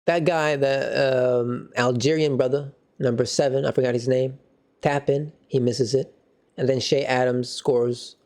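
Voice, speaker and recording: An animated man hosts a casual football reaction, talking in slangy, excitable banter. His voice has a mellow, darker tone and sits at an ordinary pitch for a man. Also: a little slow. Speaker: football fan channel host.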